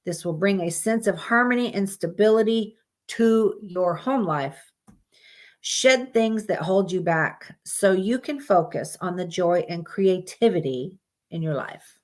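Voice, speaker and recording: A woman's voice: mid-range voice, expressive, unhurried, darkish tone. A woman streaming live, reading out monthly horoscopes in a casual way and breaking off with blunt, swearing asides. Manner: reads aloud plainly, breaks off with swearing asides.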